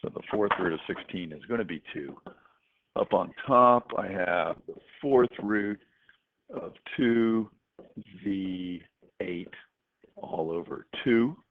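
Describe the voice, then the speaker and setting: A man's voice: low voice, takes it slowly. A man teaching math, working through problems step by step with casual asides. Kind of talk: worked-example math lesson. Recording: tinny lo-fi recording with faint noise.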